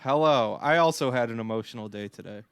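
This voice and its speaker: A man who is a guest on a podcast, chatting in a relaxed, playful way. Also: mid-range voice, fast talker, smooth, no echo. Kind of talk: casual chat.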